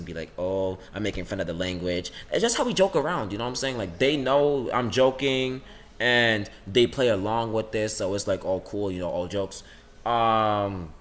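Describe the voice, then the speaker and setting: Rambling teenage boy, low voice. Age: teens. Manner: rambling, says "like" a lot, lively swings in pitch. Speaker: student vlogger. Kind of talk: casual rambling monologue.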